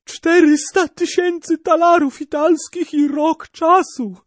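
A man voicing a frantic, boastful male cannon-maker who pleads in a shrill, breathless voice. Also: fairly even intonation, takes it slowly, no room sound. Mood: frantic pleading.

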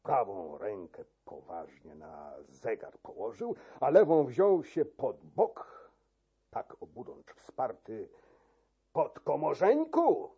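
A man reading narrative verse aloud in a measured, expressive storytelling manner. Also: lowish voice, slightly rough, dull audio.

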